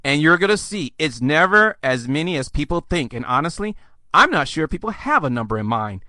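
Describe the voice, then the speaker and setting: A man's voice: fairly high pitch, big pitch swings, fairly quick, pushed and bright, dry recording. A man hosting a podcast, ranting sarcastically with theatrical mock outbursts. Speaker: podcast host. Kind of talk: sarcastic solo podcast rant.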